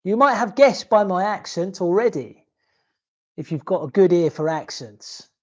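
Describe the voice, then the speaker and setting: Man, online teacher, lively pitch, keeps asking "okay?". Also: moderate pace. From London. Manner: animated, checks in with listeners, okay and yeah. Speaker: English exam teacher. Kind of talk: online lesson on a video call.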